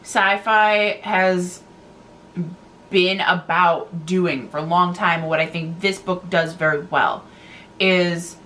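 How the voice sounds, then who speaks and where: A woman's voice: on the low side, fairly even intonation, slow, fairly bright tone. Woman in casual book chat, faint background noise. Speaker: book review co-host.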